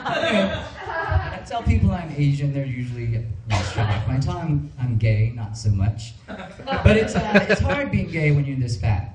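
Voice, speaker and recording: A man's voice: a little high, wildly swooping pitch, moderate pace, distant mic, over a noisy crowd. Self-mocking male stand-up comic. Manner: self-mocking, with many ums and uhs. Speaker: stand-up comedian. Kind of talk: stand-up comedy. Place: comedy club with live audience. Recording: roomy stage sound from afar.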